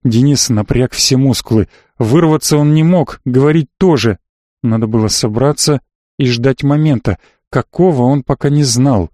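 A man narrating a novel as an audiobook, in a measured, even storytelling manner. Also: medium pitch, dry recording, studio quality. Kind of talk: scripted narration.

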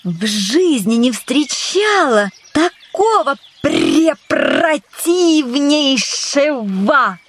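A high, girlish Alice, as a woman plays her, timid and well-mannered, drawing out each word slowly with a lively lilt. Faint music sits underneath. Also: slight background noise, full character voice. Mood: polite. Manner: slow, careful and gentle. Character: polite, timid young girl Alice.

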